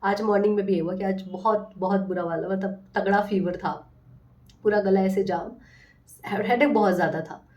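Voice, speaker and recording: A woman healing coach talking casually to viewers in a soft, affectionate and earnest way. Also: mid-range voice, fairly even intonation, moderate pace, far from the mic, lo-fi sound. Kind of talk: casual motivational talk to viewers.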